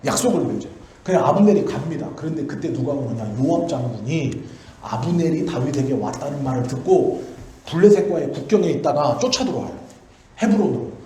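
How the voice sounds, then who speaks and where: A man's voice: on the high side, expressive, fairly quick, dark tone. A male pastor telling a Bible story in a sermon, chatty, asking questions and answering them himself. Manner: conversational, asks and answers own questions. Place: church sanctuary. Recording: very echoey church hall, faint noise.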